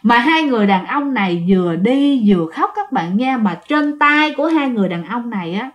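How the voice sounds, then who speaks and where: Chatty woman storyteller, fairly high and very animated, telling ghost tales to listeners. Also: brisk, dull audio. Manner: chatty, addresses listeners directly.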